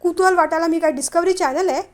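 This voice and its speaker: A grumpy, sarcastic young husband from an audio storybook, read by a woman narrator, short-tempered and snappish, with a high voice for a man. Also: racing. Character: sulky irritable young husband.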